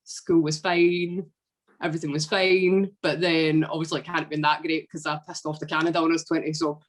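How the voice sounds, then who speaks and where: With a deep voice and a slightly fast delivery, this Scottish twentysomething is a guest on a podcast. The conversation is a casual interview, and she keeps it chatty and easygoing with frequent filler words.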